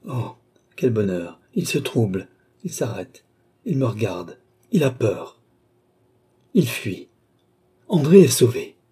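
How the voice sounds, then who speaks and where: A man voicing an entranced young woman in an audiobook, anguished and pleading, her cries climbing high. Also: very animated, takes it slowly, pauses often, dark tone, husky, full character voice.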